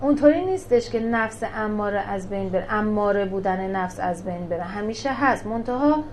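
A woman's voice: mid-range voice, a little mellow, a little hiss or hum, poor audio. A woman giving a religious lesson to a small class, emphatic, asking questions and answering them herself. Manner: emphatic, asks and answers her own questions. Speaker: religious teacher.

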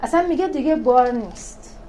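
A woman teaching a religious class on scripture verses. She talks in a lively way, asks rhetorical questions and answers them herself, and recites verses slowly. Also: high voice, slight background noise. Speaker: teacher of a Quran class for women. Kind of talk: religious lesson explaining scripture.

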